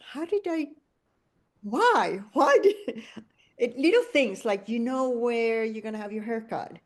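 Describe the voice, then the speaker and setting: A woman's voice: fairly high pitch, animated, a little slow. Host: middle-aged woman from Venezuela, reflective storyteller, restarts often, conversational podcast tone. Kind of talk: conversational interview.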